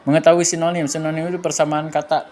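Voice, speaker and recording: A man's voice: a little high, little pitch movement, fast talker, darkish tone, slight background noise. A man, a teacher talking students through an exam study guide in a loose, chatty way, full of fillers and restarts. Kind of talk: casual exam review lesson.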